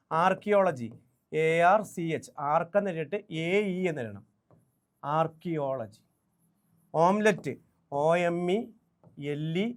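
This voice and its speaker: A man with a Malayali accent teaching an exam revision class online, spelling words out letter by letter and pushing through quickly. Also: fairly high pitch. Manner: brisk, drills spellings letter by letter, urges students to write things down. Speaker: exam-prep English teacher.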